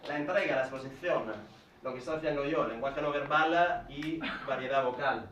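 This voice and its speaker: A man's voice: mid-range voice, normal speed, dull audio, background noise. Italian man teaching in an echoey room. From Italy. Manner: methodical, lists points and explains them with examples. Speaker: speaker at a speaking club. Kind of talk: educational talk to a live audience. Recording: echoey room, recorded from a distance.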